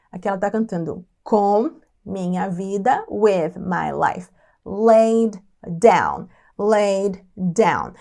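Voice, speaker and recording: Patient Brazilian woman teaching English. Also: fairly high pitch. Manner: explains patiently, repeats and slows down English phrases. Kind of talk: lyric-by-lyric language lesson.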